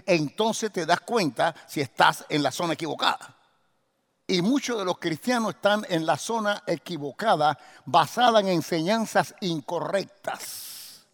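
A man preaching a sermon, asking the congregation rhetorical questions and swinging from quiet teaching to loud, shouted exhortation. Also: high-pitched. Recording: long hall reverb.

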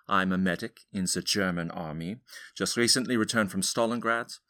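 A man's voice: low voice, moderate pace, sharp tone. An actor playing an earnest young male student who leads a resistance group, explaining things step by step in a dramatized historical interview. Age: 20s. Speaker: interview guest.

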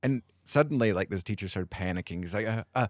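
A man co-hosting a casual podcast who tells stories hesitantly, with many fillers, and grows animated when quoting others. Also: deep voice, quick pace, dry recording, clean studio sound. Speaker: podcast co-host, teacher. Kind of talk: casual chat.

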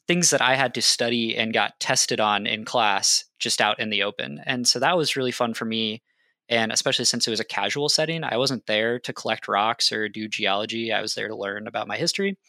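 Young adult man, eager explainer, bright and dry, casual interview guest. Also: medium pitch, dry recording. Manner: enthusiastic, explanatory, filler-heavy. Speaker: guest geologist.

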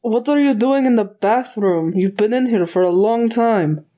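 A woman's voice: a little high, moderate pace, warm tone, close to an everyday voice. A woman playing a blunt male adventurer. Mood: deadpan.

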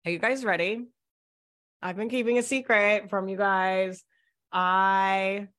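A young woman coaching business owners on a casual livestream, bubbly and chatty, her voice getting hoarse. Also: medium pitch, a bit bright. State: voice going hoarse.

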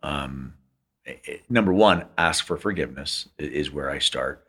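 A man's voice: a bass voice, moderate pace, fairly bright tone, breathy edge. A man co-hosting a podcast, speaking earnestly and reflectively in casual conversation. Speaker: podcast co-host. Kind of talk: casual chat.

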